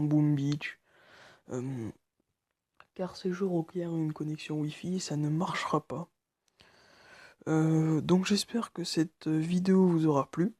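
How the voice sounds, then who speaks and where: A nervous man walking through a phone tutorial, speaking quietly and haltingly with many fillers. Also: a little high, no echo, studio quality. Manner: speaking quietly late at night. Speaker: tutorial maker. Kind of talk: screen-recorded phone tutorial.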